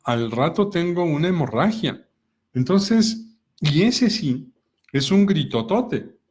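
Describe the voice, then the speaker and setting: A middle-aged man, co-hosting a personal growth talk. He explains calmly through examples and rhetorical questions. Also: on the high side, slow, husky. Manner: calm, explanatory, asks many rhetorical questions.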